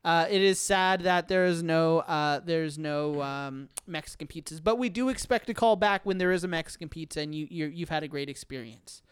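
Male podcast host, casual and jokey, smooth voice, dry sound. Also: fairly high pitch, normal speed, hardly any pauses, no echo. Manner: laid-back, joking, lots of fillers.

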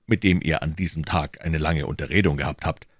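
A cold, suspicious commissioner in a storybook audiobook, voiced by a man in a very low voice. He questions in a stern, indifferent manner, recorded close and dry. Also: fairly even intonation, a little fast, no echo. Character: cold, suspicious male police commissioner, middle-aged. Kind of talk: audiobook reading.

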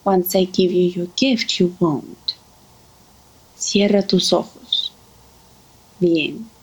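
An actress playing a warm, motherly older woman who speaks gently and affectionately. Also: fairly low pitch, slow, breathy edge, rough recording. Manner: gentle, affectionate, calls others darling. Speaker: family friend. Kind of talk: drama acting.

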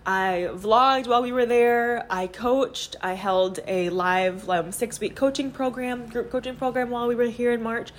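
A woman hosting a podcast, recorded as a phone voice memo while walking around her apartment, talking in a candid, rambling, out-loud journaling way with lots of fillers. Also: on the high side, fairly even intonation, normal speed, few pauses. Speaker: podcast host.

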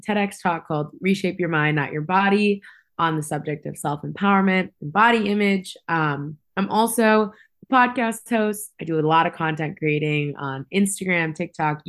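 A young adult woman chatting casually as an interview guest, informally peppering her talk with filler words. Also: fairly low pitch. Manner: informal, frequent "like" and "you know". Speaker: podcast guest, model and public speaker.

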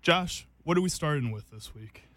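A man's voice: on the high side, animated, normal speed, a bit bright. Laughing young man hosting a food taste test. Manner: laughs often, loose rambling with fillers. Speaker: host.

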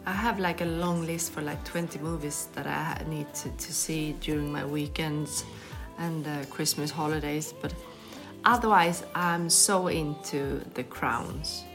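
A woman's voice: low-pitched, unhurried, over music. A woman chatting casually and informally as a co-host. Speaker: co-host of a couple's vlog. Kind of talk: casual chat.

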